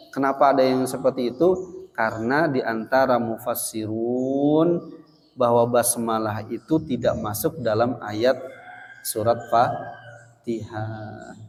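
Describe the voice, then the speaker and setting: Slow-spoken teacher in an echoing mosque. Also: male voice, mid-range voice, darkish tone. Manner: recites Arabic slowly to show pronunciation; explanatory, addresses the congregation directly. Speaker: Islamic teacher. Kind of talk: mosque study lesson. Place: mosque hall. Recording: long reverb of a mosque hall.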